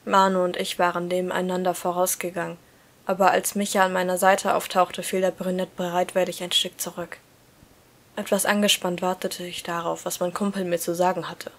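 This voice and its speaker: A woman reading a novel aloud in first person, in a steady, even storytelling manner. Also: lowish voice, fairly quick. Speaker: story reader.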